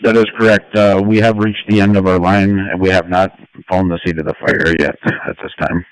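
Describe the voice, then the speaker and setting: Male fire commander, low smooth voice, urgent firefighter radio delivery, procedural orders over dry two-way transmission. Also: level tone, normal speed, no echo, poor audio. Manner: procedural, instructing. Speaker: firefighter incident commander on scene.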